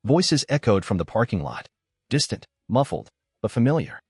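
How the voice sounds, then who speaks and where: A young adult man narrating a first-person story in measured, clipped sentences. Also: mid-range voice, very animated, husky, no echo, clean studio sound.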